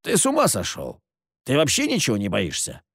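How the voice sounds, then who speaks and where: A man voicing a sick, sardonic grown man who hides in the dark and curses with Spanish words. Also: medium pitch, wildly swooping pitch, fairly quick, husky, dry recording, studio quality, full character voice. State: ill, coughing.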